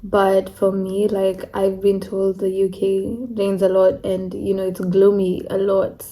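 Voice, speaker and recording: A woman's voice: mid-range voice, completely flat delivery, measured pace, mellow, poor audio. A young woman from Kenya, talking candidly in a casual vlog, with lots of "like" and "you know". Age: young adult. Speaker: international student vlogger.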